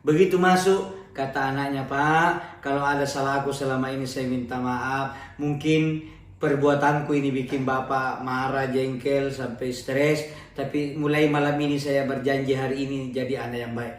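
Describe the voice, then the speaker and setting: A man preaching a Ramadan sermon as a story, acting out the characters in animated voices. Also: mid-range voice, moderate pace. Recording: echoey, from far off.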